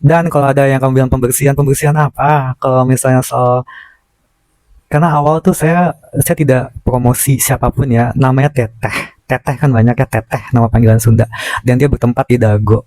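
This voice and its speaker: A man's voice: medium pitch, fairly even intonation, fairly quick, a little mellow, dry recording. A forty-year-old man with a speech impediment on his R, chatting casually and personally to his followers as a content creator, sometimes hard to follow. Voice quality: speech impediment on R, cannot pronounce r properly. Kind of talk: casual confessional chat to followers.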